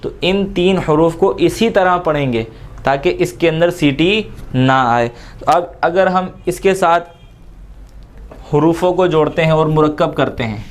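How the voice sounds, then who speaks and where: A man leads a Quran reading lesson at a very slow, careful pace. His voice is smooth and clear, and he drawls each letter sound patiently between plain explanations. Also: a little high. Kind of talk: slow step-by-step recitation lesson.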